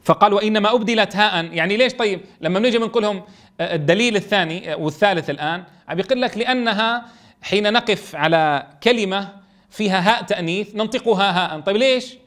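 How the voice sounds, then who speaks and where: High-voiced man teaching a class. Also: racing, a bit bright. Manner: reads a passage aloud, then explains it and checks with the students. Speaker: Quran teacher trainer. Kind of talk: classroom lesson explaining a grammar text.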